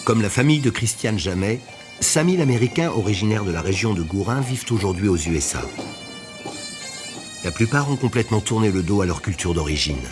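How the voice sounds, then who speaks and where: Male documentary narrator, very deep, measured, music bed underneath. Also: animated.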